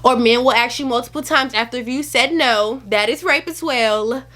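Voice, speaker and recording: This early-twenties vlogger has a fairly bright, somewhat high voice and talks at a moderate pace into her camera mic. Addressing the camera directly, she's chatty, emphatic and rambling, offering laid-back advice full of slang.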